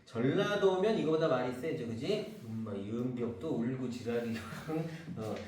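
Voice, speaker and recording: A man's voice: medium pitch, animated, normal speed, a little mellow. Chatty male teacher in an echoey classroom. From Seoul, South Korea. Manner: casual and chatty, teasing, keeps asking "right?". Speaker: cram school literature teacher. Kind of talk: classroom lecture. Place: large classroom. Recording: echoey classroom from far off, faint noise.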